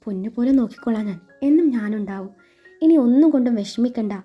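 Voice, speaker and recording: A woman voicing a caring young man who speaks softly and reassuringly in a read-aloud story. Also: on the high side, lively intonation, fast. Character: tender teasing young man, protective. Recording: muffled recording with soft music.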